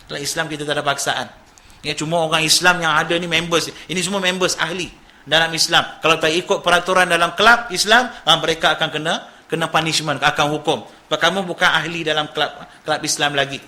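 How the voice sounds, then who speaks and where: A man delivers a sermon as a story, chatty and animated, slipping English words in among his phrases. His voice sits a little high, with a sharp, forceful edge. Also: fast. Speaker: preacher.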